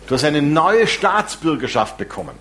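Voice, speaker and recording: A man preaching a sermon, lively and warm in his asides, with some self-deprecating humor. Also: a little high, normal speed, slight background noise. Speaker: pastor.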